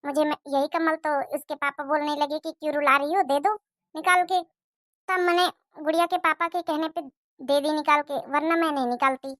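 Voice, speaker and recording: A woman's voice: high voice, fairly even intonation, brisk, fairly bright tone, dry recording, clean studio sound. A woman voicing a polite, dutiful young daughter-in-law who answers meekly and respectfully. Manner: meek, respectful.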